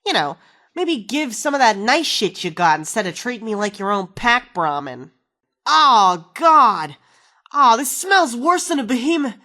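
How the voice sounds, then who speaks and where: A woman's voice: fairly high pitch, very animated, measured pace, bright, forceful tone, exaggerated voice. An actress playing a wisecracking, foul-mouthed woman companion in a video game, sarcastic and slangy. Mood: casual, wry, then disgusted.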